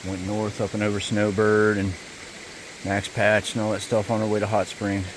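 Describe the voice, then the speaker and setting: Deep-voiced laid-back man vlogging. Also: completely flat delivery, normal speed, background noise. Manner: laid-back, with many fillers. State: out of breath. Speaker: hiker and vlogger. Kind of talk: casual vlog chat. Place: outdoors on a trail.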